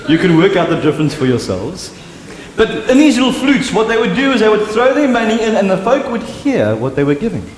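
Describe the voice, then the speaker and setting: South African preacher in an echoey church. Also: male voice, high-pitched, fairly quick, slight background noise. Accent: South African English. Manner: animated storyteller, acts out sounds and gossiping voices, drops to a hush for emphasis. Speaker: pastor. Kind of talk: sermon. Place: church sanctuary. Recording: echoey church hall with long reverb.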